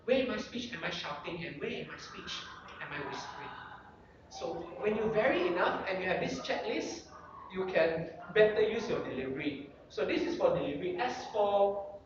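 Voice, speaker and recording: A guest speaker coaches a club meeting on speech craft, posing checklist questions with a voice that rises and falls a lot. The sound is distant and dull, as if caught from across a hall. A strong echo and faint noise sit behind it. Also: mid-range voice. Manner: animated coaching delivery, rhetorical checklist questions. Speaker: guest speaker giving public speaking tips. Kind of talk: motivational speaking workshop talk. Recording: very echoey room, distant dull lo-fi mic.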